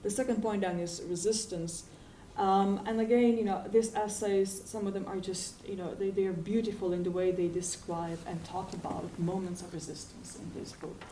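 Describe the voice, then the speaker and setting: Her voice medium-pitched, steady and mellow, a woman in her forties offers a hesitant academic panel response at normal speed, riddled with fillers and restarts. She is in a university seminar room, recorded from afar by a room mic, so the sound is echoey with slight background noise.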